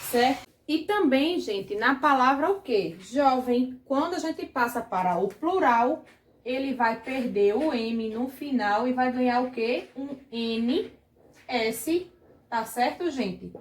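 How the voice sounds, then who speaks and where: Brazilian woman teacher, higher voice, slow and patient, echoey room. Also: expressive. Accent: Brazilian Portuguese. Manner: patient, asks the class questions and checks with "certo?". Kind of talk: grammar lesson for children.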